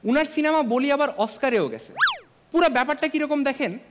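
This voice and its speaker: A man's voice: extremely high pitch, animated, a little fast. A man with a Bangladeshi accent, telling stand-up comedy stories and acting out dialogue on stage. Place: indoor TV comedy stage before an audience. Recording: reverberant stage hall, loud audience noise.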